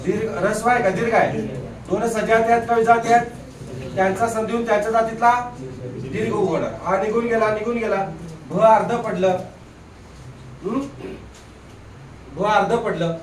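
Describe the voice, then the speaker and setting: A man's voice: high voice, normal speed, long pauses, far from the mic, noisy background. A man teaching a grammar lesson in a classroom, drilling students with repeated questions and teasing them now and then. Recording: echoey room, voice off-mic.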